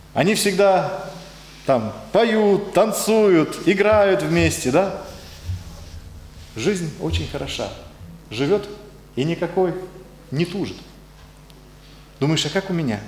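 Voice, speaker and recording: In a church hall, a man with a high voice preaches a conversational sermon, hesitating and searching for words as he puts questions to his congregation. The hall is echoey with faint ambience and a little hiss or hum.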